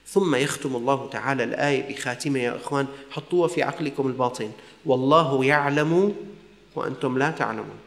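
A man with a Levantine Arabic accent preaching a sermon emphatically, repeating refrains and slowing into measured recitation for scripture. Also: mid-range voice, a bit bright. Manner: slows into measured recitation for scripture, then speeds back up; emphatic, repeats refrains to drive points home. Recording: echoey hall with long reverb.

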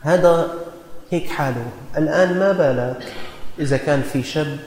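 A man's voice: a little high, moderate pace, a little mellow. A man with a Damascene Syrian accent preaching a sermon, telling stories in an earnest, folksy way and exhorting his listeners. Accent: Damascene Syrian Arabic. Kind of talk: sermon with storytelling. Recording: echoey hall with long reverb.

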